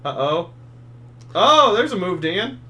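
A man's voice: high-pitched, sing-song, pushed and bright, a little hiss or hum. A man co-hosting a casual watch-along, joking around in playful asides. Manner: playful, jokey, quick announcer-style bits. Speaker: co-host of a wrestling watch-along. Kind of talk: casual chat.

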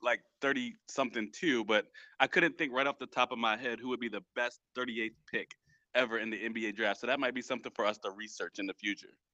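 A man's voice: medium pitch, fairly even intonation, fast, pushed and bright, no echo, dull audio. A man co-hosting a podcast, talking sports casually and with feeling, full of slang. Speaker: podcast co-host. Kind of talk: casual chat about sports.

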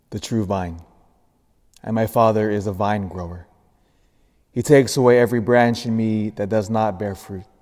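Priest in a cathedral echo. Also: male voice, fairly low pitch, warm tone. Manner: earnest and emphatic, building up through lists. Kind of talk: gospel reading and homily. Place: large church. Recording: long reverb of a large church.

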